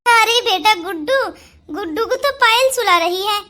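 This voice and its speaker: Someone voicing a sly bossy cartoon saas, super high and bright, always plotting. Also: animated, normal speed, full character voice. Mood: dismissive. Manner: scolding, plotting. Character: scheming older mother-in-law, bossy and sly. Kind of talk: Hindi cartoon voice acting.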